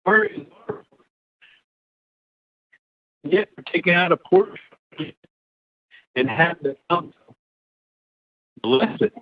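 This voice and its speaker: A man speaking as a council delegate in a committee meeting. He is calling in on a glitchy line that keeps breaking up, and he asks pointed questions in halting bursts. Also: a little high, lively intonation, no echo. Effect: breaking-up glitchy call audio. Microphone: remote call-in line. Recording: dull muffled call line, cutting in and out.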